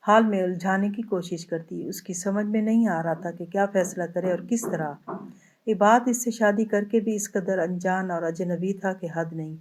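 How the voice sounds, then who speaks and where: Woman audiobook narrator, steady scripted storytelling, dark warm timbre. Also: medium pitch.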